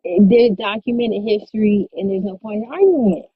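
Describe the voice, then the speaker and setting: A woman calling in through a muffled headset mic, sounding underwater, arguing calmly and dismissively in a casual debate. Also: mid-range voice, moderate pace, breathy edge, no echo. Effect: muffled headset mic on a call, sounding underwater. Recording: muffled lo-fi call audio, dry.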